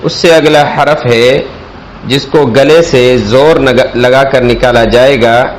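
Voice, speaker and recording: A man's voice: medium pitch, steady tone, slight background noise, rough recording. A man teaching an alphabet reading lesson, explaining each letter and stretching the sounds out carefully. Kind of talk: slow instructional alphabet lesson.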